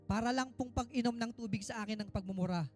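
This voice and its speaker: Male minister, very high voice, emphatic preaching that swells loud then drops soft, faint music under him. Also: fast. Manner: emphatic preaching, mixing Tagalog and English; rises to loud exhortation, drops to quiet asides. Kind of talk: sermon.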